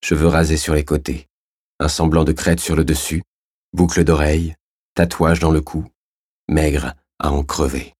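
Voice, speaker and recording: A man reading a crime novel aloud as an audiobook narrator, in steady, measured scripted narration. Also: extremely low pitch, slightly rough, dry recording, clean studio sound.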